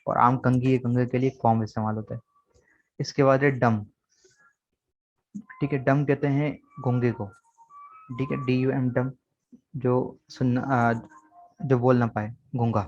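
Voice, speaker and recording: A man's voice: medium pitch, flat delivery, measured pace, long pauses, a little mellow, soft background music. Man, patient online English teacher spelling words aloud, slightly dull call audio. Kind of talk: online lesson. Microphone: video call.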